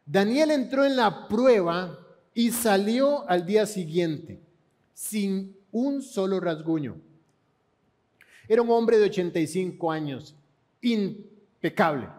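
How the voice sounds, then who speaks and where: Panamanian preacher guy, slow and dramatic, tons of rhetorical questions. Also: sits high, lively intonation, a little mellow. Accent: Panamanian Spanish. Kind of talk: sermon.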